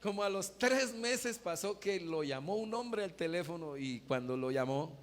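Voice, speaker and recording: A man preaches a sermon. He has a fairly high voice for a man. He shifts from loud, rising proclamations to quiet, conversational storytelling, and the sound rings with long church-hall reverb. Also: expressive, moderate pace. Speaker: pastor.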